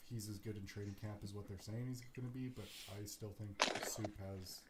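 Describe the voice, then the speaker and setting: A man co-hosting a casual hockey podcast, giving relaxed, opinionated takes with plenty of ums and uhs. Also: fairly low pitch, fairly quick. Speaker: podcast co-host. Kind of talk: casual sports chat. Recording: echoey room with background noise.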